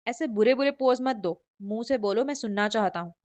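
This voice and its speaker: A woman's voice: on the high side, fairly quick, a little mellow, lightly acted. A woman reading the lines of a stubborn, demanding young man who is the hero of a romance novel. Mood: teasing. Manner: demanding and insistent.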